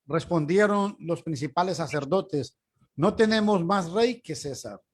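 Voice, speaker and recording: A man with a high voice reads scripture aloud at an unhurried, deliberate pace. He teaches the Bible and raises his tone whenever he reaches a quoted line. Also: animated, husky. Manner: measured reading, lifts his voice for quoted speech.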